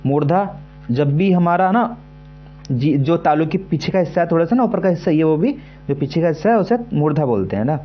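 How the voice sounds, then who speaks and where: A man's voice: on the high side, expressive, dull audio, soft background music. Male Hindi tutor drilling syllables. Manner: repetitive, keeps asking "है ना" and "ठीक है"; sounds out syllables slowly to demonstrate. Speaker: teacher. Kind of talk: exam-prep lesson.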